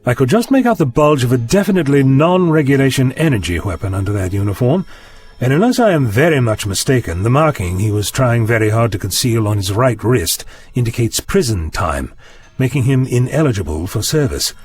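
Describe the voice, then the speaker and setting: An actor playing an eccentric, observant and courteous time-travelling doctor in an audio drama, with a theatrical, polite way of explaining. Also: male voice, mid-range voice, expressive, a little fast, darkish tone, soft background music, lightly acted. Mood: shrewd, confiding.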